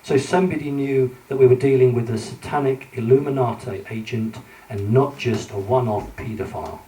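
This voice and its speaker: A man's voice: medium pitch, normal speed, warm tone, a little hiss or hum. Man lecturing in an echoey hall. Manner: earnest, hesitant with frequent fillers. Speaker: conference speaker. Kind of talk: conference lecture with slides. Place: conference hall. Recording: echoey hall, mic at a distance.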